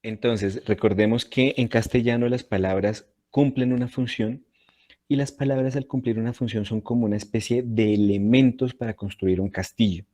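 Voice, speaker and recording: A man's voice: mid-range voice, fairly even intonation, moderate pace, dark tone. A man teaching an online Latin class, explaining patiently and checking in with his students.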